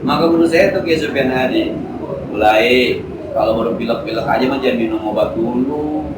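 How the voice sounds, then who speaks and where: A man's voice: medium pitch, moderate pace. A man giving a casual, joking Islamic study lecture in a mosque. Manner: casual, joking, slangy teaching. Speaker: Islamic teacher. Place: mosque hall. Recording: echoey hall, distant mic, faint noise.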